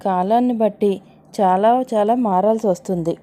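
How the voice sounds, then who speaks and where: A woman voicing a calm, reflective young man who speaks slowly. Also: medium pitch, natural voice.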